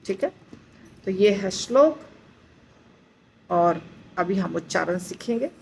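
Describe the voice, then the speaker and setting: A woman teaching recitation, explaining slowly and patiently, repeating words syllable by syllable and reassuring her students. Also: medium pitch, expressive, vocal fry, darkish tone, a little hiss or hum. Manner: reassuring, instructive. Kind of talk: slow explanatory lesson.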